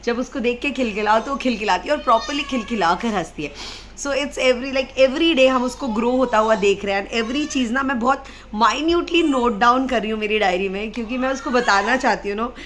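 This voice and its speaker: A woman's voice: a little high, fairly bright tone. A woman in her thirties, a mother chatting casually to camera in a vlog, mixing in English phrases and hurrying along. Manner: hurried, wrapping up quickly. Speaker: parenting vlogger and mother.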